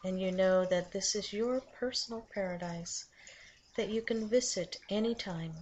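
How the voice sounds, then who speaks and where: A woman narrates a guided meditation in a soothing, measured manner, with lingering pauses between short phrases. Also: medium pitch, slight background noise. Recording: muffled lo-fi sound under loud music. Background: loud background music.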